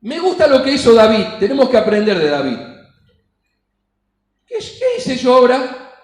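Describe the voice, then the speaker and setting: A man's voice: extremely high pitch, wildly swooping pitch, moderate pace, echoey room, rough recording. A man with an Argentine Spanish accent preaching a sermon in a church, emphatic and acting out the voices he quotes. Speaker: pastor.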